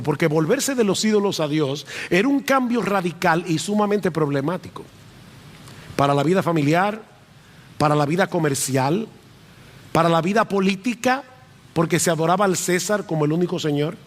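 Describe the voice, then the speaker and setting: A man with a high voice preaches from the pulpit, stressing his points by repeating them. His words ring out with a long reverb, as in a large church hall. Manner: emphatic, repeats key phrases for stress. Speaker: pastor. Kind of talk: preaching a sermon.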